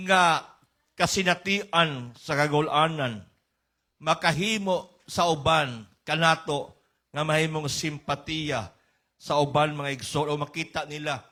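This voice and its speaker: A middle-aged man with a Cebuano accent preaching a sermon, mixing English and Cebuano and rising to high, emphatic peaks. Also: bright, forceful tone. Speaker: pastor.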